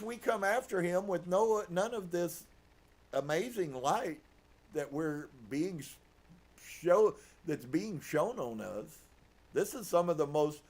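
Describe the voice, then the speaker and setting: High-voiced preaching man. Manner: earnest, reflective, with soft laughs. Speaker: pastor. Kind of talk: preaching from a book reading. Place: live stream.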